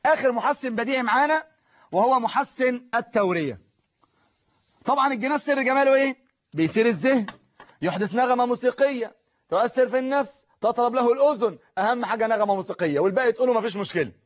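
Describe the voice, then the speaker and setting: High-voiced Egyptian man teaching a class. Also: muffled recording. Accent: Egyptian Arabic. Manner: explains slowly, recites verses deliberately, quizzes the class. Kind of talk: televised classroom lesson.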